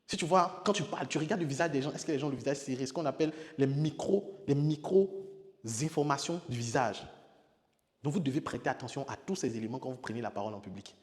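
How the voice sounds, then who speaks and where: A man's voice: mid-range voice, quick pace. A man, a public speaking coach teaching with emphatic repetition. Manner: emphatic, repeats key words, demonstrates with sudden loud exclamations. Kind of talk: spoken lesson on public speaking. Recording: long hall reverb.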